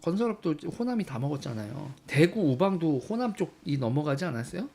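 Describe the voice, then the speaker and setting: A man with a gravelly, creaky voice that sits a little high for a man. He talks to his viewers in blunt political commentary, swearing in sudden heated bursts. He mutters to himself while he searches on screen. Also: sing-song, brisk, darkish tone. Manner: thinks aloud while looking things up on screen.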